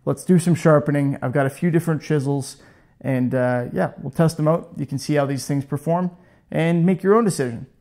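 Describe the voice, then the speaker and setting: Wearing a lapel mic in his garage workshop, a thirtysomething woodworking channel host runs a relaxed demo, talking freely and making jokes at his own expense. His voice sits a little high, with a dark tone and a brisk pace.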